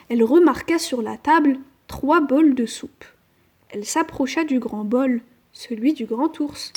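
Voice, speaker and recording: Storyteller: woman, high voice, gentle expressive read-aloud. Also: husky. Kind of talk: children's story reading.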